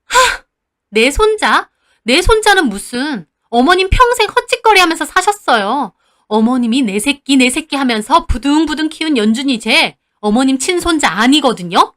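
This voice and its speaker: A woman's voice: high-pitched, animated, moderate pace. Woman playing a fed-up, confrontational mother. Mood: furious. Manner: sharp, confrontational, raised voice. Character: fed-up middle-aged mother defending her daughter.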